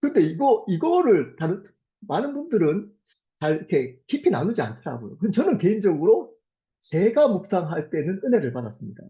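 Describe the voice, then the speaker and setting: A male pastor preaching a sermon, earnest and emphatic, slowing down on key phrases and asking the congregation rhetorical questions. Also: high voice, huge pitch swings, mellow. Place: church sanctuary. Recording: dull lo-fi sermon recording.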